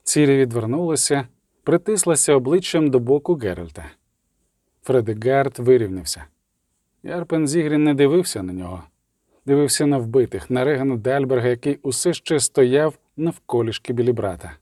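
A man narrating a novel with a steady, somber delivery. His voice is mellow and dark. It is recorded close and dry. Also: mid-range voice, normal speed, dry recording. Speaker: audiobook narrator. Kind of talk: scripted narration.

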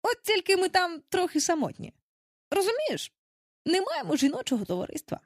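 Cheeky storybook boy, brash and breezy, read by a woman narrator, high and lively. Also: no echo, clean studio sound, heavily acted. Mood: boastful. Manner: boastful, breezy, quick to brush things off. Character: cheeky boy who never grows up.

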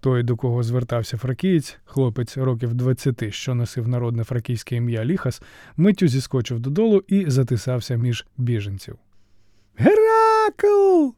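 A man reading a story as an audiobook narrator, with steady, dryly ironic storytelling. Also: mid-range voice, fairly quick, dry recording, studio quality. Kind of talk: scripted narration.

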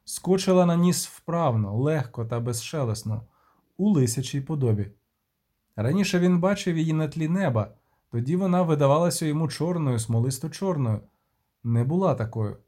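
A man narrating an audiobook with a steady, measured reading. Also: on the high side.

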